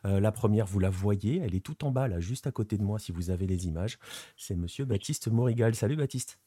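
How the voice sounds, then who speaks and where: A man's voice: lowish voice, fairly quick, mellow. A man hosting a casual football show, rambling with many fillers and still with a sore throat after an illness. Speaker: host.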